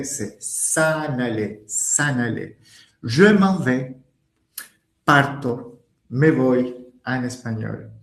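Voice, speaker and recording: A man teaching French in a webinar lesson, patient and repeating key words, recorded in an echoey room. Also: mid-range voice.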